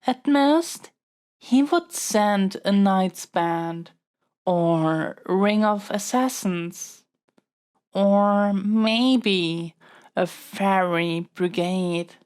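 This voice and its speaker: A clear, resonant, darkish voice at medium pitch carries this woman's scripted audio roleplay as a young royal princess, haughty and smitten, held by a dragon. She speaks extremely slowly, in a formal, stately manner, pleading politely with a coaxing, diplomatic air.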